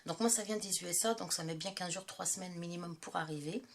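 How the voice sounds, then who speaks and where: A woman's voice: on the low side, fast talker, gravelly, background noise. A woman from France with a stuffy head cold, hosting a casual craft tutorial and talking in a chatty way with many hesitations. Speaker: craft channel host.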